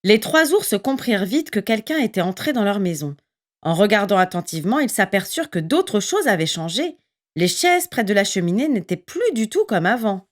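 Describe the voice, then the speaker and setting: A woman narrating a children's story in an expressive, lively reading voice. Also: medium pitch, normal speed.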